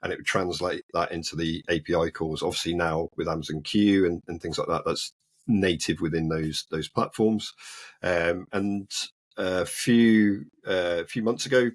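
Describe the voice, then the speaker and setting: A man with a very deep voice, talking as an interview guest. He explains his work in a relaxed, conversational way. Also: moderate pace. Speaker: guest, cyber security researcher. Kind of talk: casual interview.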